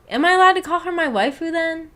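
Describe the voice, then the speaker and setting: In a very high-pitched, fairly bright voice, a woman streamer responds to messages from her viewers. It's a casual livestream chat, and she keeps it giggly, slangy, and playfully teasing.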